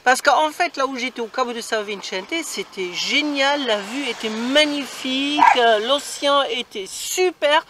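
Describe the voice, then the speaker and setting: A woman's voice: sits high, measured pace, hardly any pauses, background noise. An older woman chatting enthusiastically from a camper van window, picked up outdoors by a friend's handheld camera. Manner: enthusiastic, exclamatory. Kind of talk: casual conversation on a vlog.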